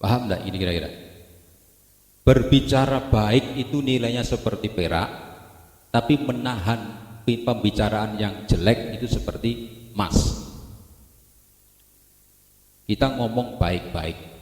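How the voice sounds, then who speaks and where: A man with a Javanese accent giving an Islamic sermon, joking with the crowd and reciting Arabic slowly. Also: on the low side, a little mellow. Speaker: preacher. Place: mosque or hall gathering. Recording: echoey hall with long reverb.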